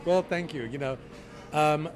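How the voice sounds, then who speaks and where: This is a fiftyish restaurant owner, chatting in a relaxed interview and cheerfully praising the dishes at his small eatery, where street sounds drift in. He speaks unhurriedly in a fairly high voice, with soft music behind him.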